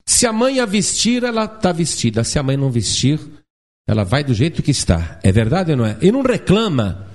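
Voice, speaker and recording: Pastor guy preaching, kinda high voice, swoops all over, asks the church questions. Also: fairly quick. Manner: animated, acts out children's and parents' voices, asks the congregation questions. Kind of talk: sermon.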